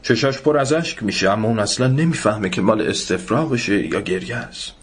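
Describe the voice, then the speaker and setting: A man voicing a grave, calm village doctor who explains things earnestly. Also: lowish voice, breathy edge.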